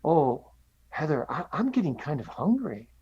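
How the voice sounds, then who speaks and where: A sneaky little girl from a children's story, played by a man telling it coaxes her sister in a soft, pleading voice. The pitch rises high on her questions. The sound is a bit muffled. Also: sing-song, normal speed, breathy edge, heavily acted. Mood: coaxing.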